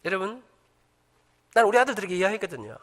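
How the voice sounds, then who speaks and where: A man's voice: high-pitched, very animated, fast. A middle-aged man, a church elder, giving a humorous, emphatic testimony to a congregation in a church sanctuary. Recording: echoey church hall.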